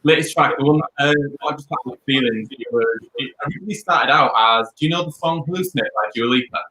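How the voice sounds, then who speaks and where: A man's voice: mid-range voice, quick pace, bright, forceful tone. A young man, chatting upbeat and rambling as a DJ guest on a video call. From Leeds, England. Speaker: DJ and music producer guest. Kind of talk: casual interview chat. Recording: echoey room over video call.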